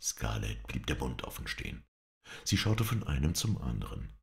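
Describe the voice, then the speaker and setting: A man narrating an audiobook in an expressive, measured storytelling manner. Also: a bass voice, vocal fry. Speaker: audiobook reader. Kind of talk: scripted narration.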